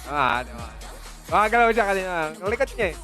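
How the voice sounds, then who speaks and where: A woman's voice: mid-range voice, sing-song, fast talker, fairly bright tone. A woman hosting a livestream game commentary, playful and teasing, laughing often. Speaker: esports stream host. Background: background music.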